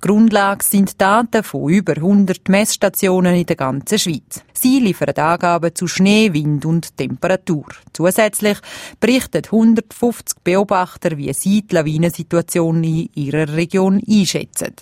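A woman with a Swiss accent narrating a scripted radio news report in a clear, even way. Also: lowish voice, normal speed, no echo, clean studio sound.

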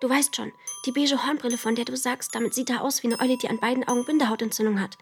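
A woman's voice: on the high side, fairly even intonation, fast talker, natural voice. A woman playing a cheeky narrating daughter. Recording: radio play with faint music.

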